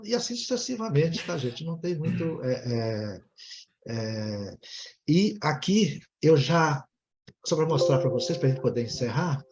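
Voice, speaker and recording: A man's voice: on the high side, very animated, measured pace, muffled recording, a crowd in the background. Chatty Brazilian man teaching English. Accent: Brazilian Portuguese. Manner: chatty, ends nearly every phrase with "né?". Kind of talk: online class, explaining a lesson.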